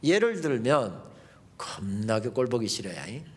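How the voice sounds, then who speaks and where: A male pastor preaching a lively revival sermon, often dropping into playful dialect quotes. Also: medium pitch, unhurried, long reverb tail.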